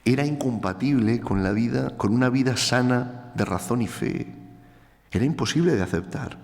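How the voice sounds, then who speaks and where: A man from Spain, speaking with a Spanish accent in a lowish, darkish voice, delivers an earnest, emphatic public lecture and repeats phrases for stress. He's in a large lecture hall, and the recording carries its reverberation.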